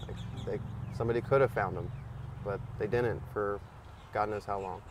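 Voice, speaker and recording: A man interviewed for the news as a friend, speaking in a hesitant, disappointed, soft-spoken way. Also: fairly low pitch, steady tone, moderate pace, background noise. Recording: distant mic with music underneath.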